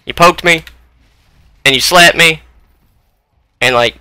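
A man's voice: fairly high pitch, slow, sharp tone, clear, resonant tone, no echo. A young man giving profane, frustrated commentary while playing a video game at home on a close desk mic. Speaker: gaming video creator. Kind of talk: gameplay commentary.

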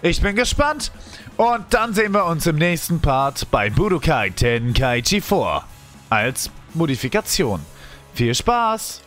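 A young man hosting a video game let's play, commenting excitably and complaining loudly as he plays. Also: a little high, unhurried, faint music behind. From Germany. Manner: complaining, exclaiming, animated.

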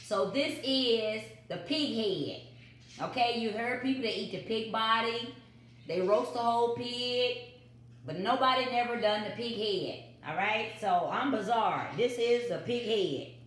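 A woman's voice: fairly high pitch, a little slow. A middle-aged woman, chatting casually to viewers of her home cooking vlog, repeating her catchphrases. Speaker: vlogger. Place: home kitchen. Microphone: built-in phone mic on the counter. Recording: echoey kitchen.

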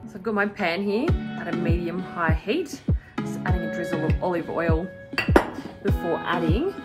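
Speaking at normal speed with an expressive, lower-pitched voice, a young cooking vlogger walks viewers through a recipe from her home kitchen. The tutorial is upbeat, friendly and instructive, and music runs clearly beneath it.

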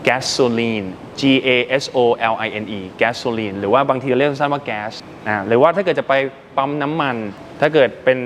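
A man's voice: mid-range voice, a little hiss or hum. A man hosting a casual vocabulary lesson in a car showroom, patiently explaining words and spelling them out letter by letter, with polite particles at the ends of his sentences. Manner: polite, with frequent soft sentence-end particles. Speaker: English teacher and show host.

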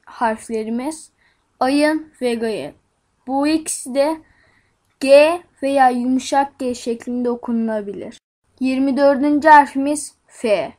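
A woman teaching an alphabet lesson, reciting each letter and its sound in a slow, deliberate way. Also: high voice.

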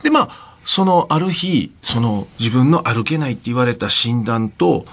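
A man from the Osaka area who grew up in Tokyo, a talk show guest telling anecdotes in a lively way. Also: mid-range voice, moderate pace. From born in Osaka area, raised in Tokyo. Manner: lively storyteller, standard speech with Kansai touches. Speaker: guest, leader of a vocal group. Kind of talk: anecdotal storytelling.

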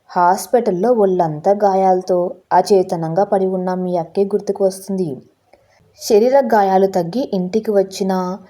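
A woman's voice: medium pitch, dark tone, natural voice. A woman voicing a grieving middle-aged mother who is anxious and tearful, in a pleading storytelling manner.

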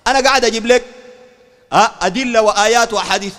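A man with a Sudanese Arabic accent preaches in a heated polemical lecture, his voice pitched unusually high and rushing along. He argues fiercely and keeps pressing his listeners to confirm they follow. A long hall reverb trails after his words. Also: a bit bright. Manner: fiery, keeps asking "understand?", raises his voice. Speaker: sheikh.

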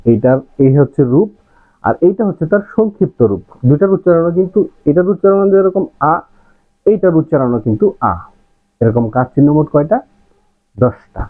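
A male primary school teacher, introducing a video lesson in a friendly way and checking in with viewers. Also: fairly high pitch. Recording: tinny phone-like lo-fi sound.

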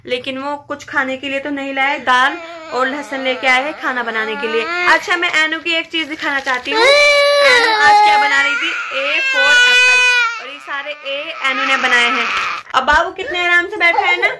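High-voiced woman vlogging over loud noise. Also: moderate pace. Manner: chatty, explains the scene to the viewer. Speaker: family vlogger, mother. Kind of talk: casual vlog narration at home. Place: at home indoors. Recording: very noisy home phone recording.

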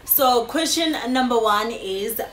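Slow, chatty South African woman vlogger. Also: fairly high pitch, expressive, reverberant, faint music behind. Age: late 20s. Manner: chatty, warm-hearted address to viewers, frequent fillers. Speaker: YouTuber. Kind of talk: casual Q&A vlog. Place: indoors on a sofa in a small room. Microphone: phone camera.

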